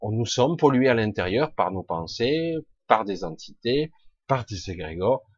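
Dull dry recording, man, raspy husky voice, scratchy throat, informal opinionated monologue, emphatic, blunt slang, rhetorical questions. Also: medium pitch, lively intonation, normal speed, no echo. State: throat scratchy with occasional coughing.

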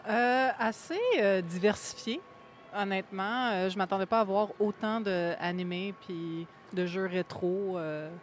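A woman with a Québécois accent talks freely and casually, with lots of fillers as she answers. Her voice sits at a mid pitch. There is a faint background noise. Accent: Québécois French. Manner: talkative, casual, many fillers. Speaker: guest, gaming media host.

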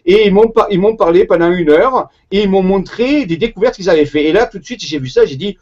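Dull audio carries this guest researcher's high-sitting, slightly mellow voice as he talks a little fast in a conversational interview. He's a Marseille man from southern France with the local accent, and his speech stumbles along with frequent fillers and false starts.

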